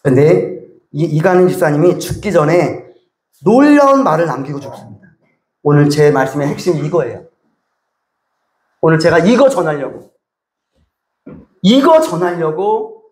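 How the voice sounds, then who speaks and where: A male pastor preaches in a high voice, telling a long story and turning often to address his congregation. His words carry through a reverberant church sanctuary. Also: expressive, brisk, a little mellow. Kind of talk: sermon. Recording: echoey church hall.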